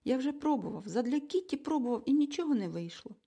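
A woman's voice: sits high, expressive, fast, creaky, dark tone, breathy edge, pitched above the performer's own voice, exaggerated voice. A woman voicing a meek, polite, anxious boy in an audiobook, speaking timidly. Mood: worried.

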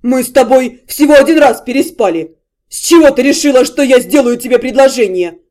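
A loud, indignant young nobleman who whines and protests, as a woman reading an audiobook puts him on. She pitches him a little below her own voice and pushes it louder. The tone stays mellow. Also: animated, fairly quick. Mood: outraged, whiny.

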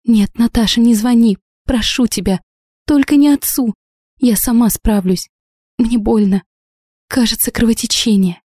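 A woman's voice: on the high side, measured pace, darkish tone, no room sound, clean studio sound, voice pushed up. A woman voicing a tearful young bride, pleading.

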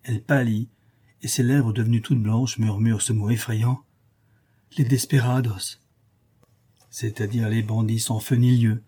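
A man narrating an adventure novel as an audiobook in a steady, dramatic storytelling manner. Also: medium pitch, husky.

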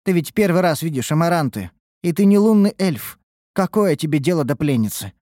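Man doing a stern elf woman in an audiobook, formal and intense, raised pitch, dry close sound. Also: animated, brisk, dark tone, no echo, natural voice. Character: proud, stern female elf warrior. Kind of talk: audiobook character voice.

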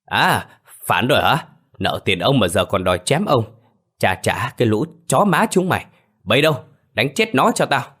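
A man's voice: low-pitched, moderate pace, a bit bright. A man voicing a greedy, cruel old male moneylender in an audio ghost story, bullying and coarse as he barks orders. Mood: sneering shout.

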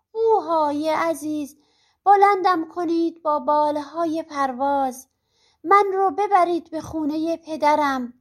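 Woman doing a clever little peasant boy, pleading sing-song, high voice, storybook. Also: dark tone.

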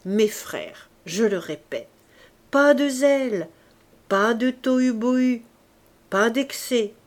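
A woman's voice: a little high, lively intonation, slow pace. A woman reading an audiobook, voicing a pompous young man who lectures his friends in grand, sententious phrases.

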